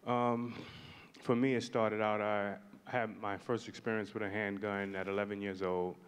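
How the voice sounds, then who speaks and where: A man in his forties from New York telling his life story as a panel guest, measured and reflective with pauses. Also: on the low side, level tone, clean tone. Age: 40s.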